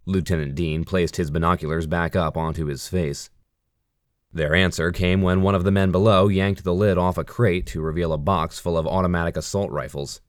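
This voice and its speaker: A man narrating a military thriller audiobook in a steady, even storytelling manner. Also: low voice, normal speed, smooth, no echo, studio quality.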